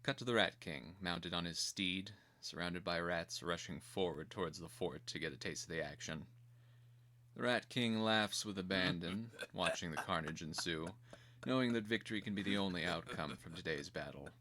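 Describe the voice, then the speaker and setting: Narrating a dramatic screenplay, a man reads in a low, forceful voice, deliberate and theatrical. The tone is grave with a crisp edge, fitting for scripted action.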